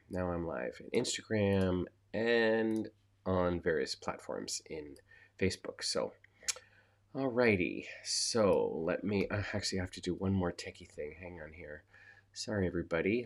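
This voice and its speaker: Low, nasal-voiced man with a cold. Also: big pitch swings, normal speed. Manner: chatty, with many fillers and asides. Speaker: coach. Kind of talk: casual live-stream talk.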